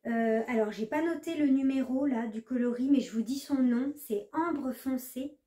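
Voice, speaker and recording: A woman's voice: high-pitched, moderate pace, warm tone. A woman knitting vlogger chatting casually to the camera, hesitant, with many fillers. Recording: echoey room.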